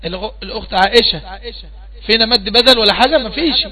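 A man's voice: high voice, fast, bright, forceful tone, poor audio. A man with an Egyptian accent teaching Quran recitation rules, patiently asking students questions and repeating each point. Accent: Egyptian Arabic. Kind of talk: online tajweed lesson.

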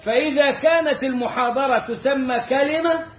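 A man with an Egyptian accent teaching recitation rules, slowly drawing out example words as he explains. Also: extremely high pitch. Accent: Egyptian Arabic. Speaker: Islamic teacher. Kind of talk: lecture on Quran recitation rules. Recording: echoey, slightly dull room recording.

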